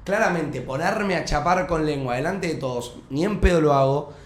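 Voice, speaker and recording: Young man, Rioplatense accent, slangy casual co-host, slightly high voice, roomy echo. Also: moderate pace. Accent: Rioplatense Spanish. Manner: animated, slangy, defensive. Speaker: podcast co-host. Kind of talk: casual chat.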